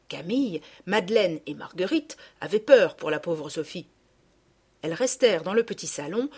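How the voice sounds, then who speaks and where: A woman reading a children's storybook aloud, in an expressive narrating voice. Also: fairly low pitch, slightly rough. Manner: expressive, lively. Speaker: reader.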